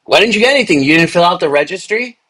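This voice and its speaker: A man's voice: high-pitched, expressive, racing, bright, forceful tone. Laid-back young man saying "dude". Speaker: podcast host. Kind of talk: casual crypto chat.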